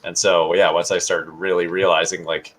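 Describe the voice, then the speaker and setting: A man co-hosting a casual live talk show, chatting in a relaxed, rambling way with lots of fillers. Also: low voice, normal speed, poor audio. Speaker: podcast co-host. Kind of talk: casual chat. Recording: faint background noise.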